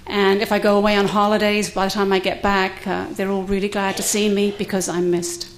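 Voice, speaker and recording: At a podium mic in a lecture room, a middle-aged cohousing resident delivers her prepared panel talk for a university conference, frank and gently funny. Her mid-range voice stays level and a little fast, and the poor recording carries some hiss or hum.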